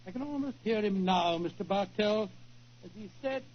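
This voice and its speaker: An elderly British doctor with a notably high voice, genial and a little fussy. He reminisces like a fireside storyteller in an old radio play. The recording is muffled, with background noise. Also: lively intonation, normal speed. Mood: genial, reminiscing. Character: genial, loyal elderly English doctor recalling old adventures. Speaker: storyteller and detective's companion. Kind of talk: 1940s radio acting.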